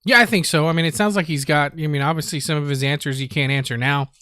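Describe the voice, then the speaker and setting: Fast-talking upbeat male co-host. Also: a little high, pushed and bright, smooth, no echo, studio quality. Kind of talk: casual sports talk.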